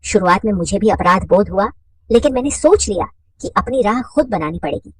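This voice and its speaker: A woman voicing a chatty middle-aged mother with a husky voice. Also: mid-range voice, lively intonation, brisk, a little mellow, no echo, poor audio. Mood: eager.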